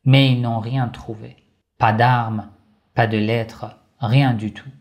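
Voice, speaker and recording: A man slowly narrating a religious story for children, addressing young listeners gently and deliberately. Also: medium pitch, steady tone.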